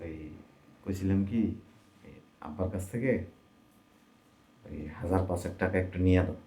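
A man's voice: low voice, moderate pace, warm tone. An actor playing a jobless young husband coaxing his wife for money. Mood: wheedling. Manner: coaxing, wheedling. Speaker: son-in-law.

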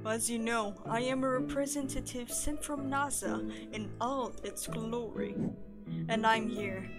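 Woman doing showy male scientist-recruiter, game character, pompous, theatrical, stretched words, loud music. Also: a little high, close to an everyday voice. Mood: grandiose. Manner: theatrical, pompous, drawn-out emphasis.

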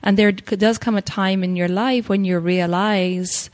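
A woman's voice: medium pitch, steady tone, unhurried. A woman in her forties hosting a podcast, agreeable and reflective as she chats with her guest. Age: 40s. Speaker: podcast host. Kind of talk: casual conversation.

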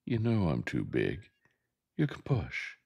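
A gravel-voiced man voicing a bossy, boastful older boy in a storybook reading. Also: extremely low pitch, wildly swooping pitch, slow, a little mellow, dull audio, full character voice. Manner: bossy, hollering.

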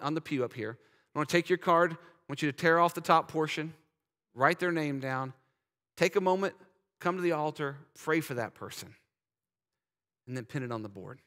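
A pastor in his thirties, with a fairly high-pitched voice, earnestly urges his congregation during a sermon invitation, then softens into prayer. He wears a lapel mic, and the large church sanctuary adds noticeable hall reverb.

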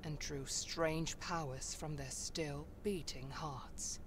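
A woman voicing a solemn storyteller who narrates a dark tale in a game, in a slow, grave manner. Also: sits low, steady tone, full character voice. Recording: game audio with ambient noise.

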